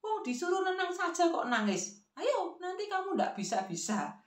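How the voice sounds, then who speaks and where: A woman voicing a scolding old grandmother with a shrill Javanese-accented voice. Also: big pitch swings, moderate pace. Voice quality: shrill, nagging. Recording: roomy echo.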